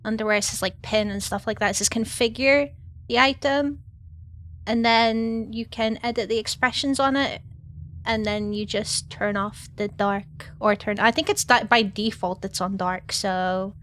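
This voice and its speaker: A woman's voice: mid-range voice, steady tone, unhurried, a bit bright, slight background noise. A woman chatting casually as a co-streamer during a game, recorded on a close microphone. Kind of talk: casual chat while gaming.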